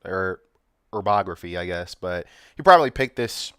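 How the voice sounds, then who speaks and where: A young man talking on a livestream with a somewhat low, smooth voice, recorded close and dry. He reacts to news clips in loose, sarcastic slang and laughs at his own jokes. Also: expressive, normal speed, fairly bright tone, dry recording. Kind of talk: casual streamer commentary.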